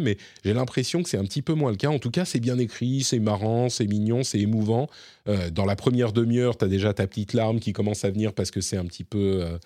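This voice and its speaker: Male game-stream host, low voice, dry sound, easygoing and halting delivery. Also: no echo. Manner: relaxed, hesitant, many fillers and restarts. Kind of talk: casual chat about video games.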